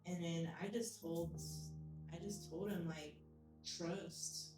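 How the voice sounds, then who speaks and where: A woman's voice: lowish voice, fairly even intonation, slow pace. A woman chatting casually as a podcast guest, rambling with many fillers. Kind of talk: casual chat. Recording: distant, very echoey, music behind.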